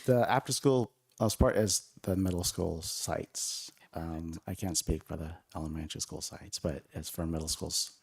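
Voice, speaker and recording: A man with a very deep, gravelly voice answers questions at a school board meeting. He is hesitant and uses a lot of "uh" and "um.". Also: steady tone, moderate pace, hardly any pauses, a little mellow. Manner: hesitant, many fillers. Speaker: school sports program staff. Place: district board meeting room.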